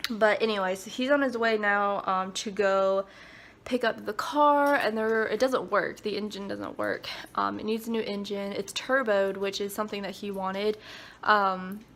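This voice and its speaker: Talking to her phone as she gets ready, a young woman rambles casually in her home bathroom, dropping plenty of ums and likes. Her medium-pitched voice is expressive and fairly bright at a normal speed, though somewhat stuffy and congested.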